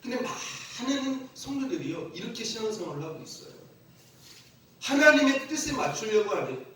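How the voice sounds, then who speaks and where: A man's voice: high voice, a bit bright, a little hiss or hum. A man preaching a sermon as pastor, asking the congregation emphatic questions and leading them in call-and-response repetition. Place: church sanctuary. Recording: very echoey church from a distant mic.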